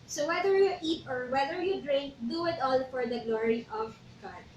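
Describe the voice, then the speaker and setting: Chatty high-voiced woman in an echoey room. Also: animated, far from the mic, a little hiss or hum. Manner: chatty, switches into slow deliberate English when reading scripture. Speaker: church talk show co-host. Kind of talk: casual faith talk, reading Bible verses.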